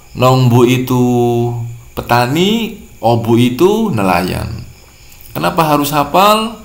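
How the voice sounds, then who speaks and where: A man with a medium-pitched voice teaches a language lesson in an echoey room. He patiently repeats and translates each word, explaining vocabulary classroom-style.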